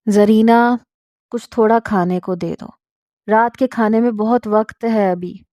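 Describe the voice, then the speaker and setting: A woman's voice: medium pitch, fairly even intonation, unhurried, warm tone, no echo, clean studio sound, natural voice. A woman voicing a timid middle-aged husband asking his wife for food, in a spoken story. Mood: pleading. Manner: timid, pleading.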